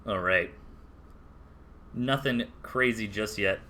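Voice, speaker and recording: A man's voice: fairly low pitch, slow, pushed and bright, slight background noise. A man with a Southern US accent casting a strategy game match live, chatty play-by-play with casual asides. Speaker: esports caster.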